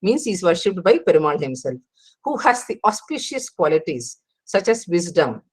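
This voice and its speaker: A woman, explaining devotional texts in a class, pausing and restarting as she goes. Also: lowish voice, big pitch swings, a little mellow, breathy edge. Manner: explanatory, with frequent pauses and restarts. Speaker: religious teacher.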